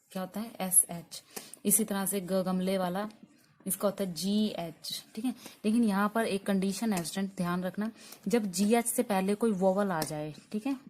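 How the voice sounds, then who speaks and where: Casting note: woman teacher, mid-pitched voice, patient step-by-step drilling, faint hiss behind her. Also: darkish tone. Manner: explains step by step, often asks and answers her own questions; drills sounds slowly with frequent 'theek hai' checks. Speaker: spoken English teacher. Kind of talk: classroom lesson.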